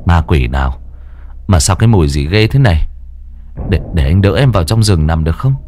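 A man doing a gruff, impatient husband. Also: low-pitched, animated, warm tone, slight background noise. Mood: irritated. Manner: brusque, hurried, stammering scolding.

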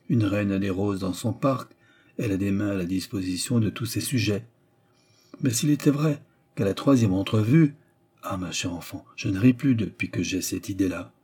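A man's voice: on the low side, dark tone, husky. A man reading aloud and voicing a scheming, persuasive noblewoman who frightens her young companion with feigned sweetness. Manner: insistent, menacing, feigned sweetness. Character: scheming, persuasive noblewoman adventuress, middle-aged.

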